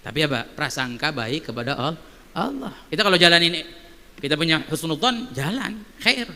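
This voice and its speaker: High bright man preaching in echoey hall. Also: normal speed. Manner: animated, many rhetorical questions. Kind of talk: sermon with storytelling. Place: mosque hall.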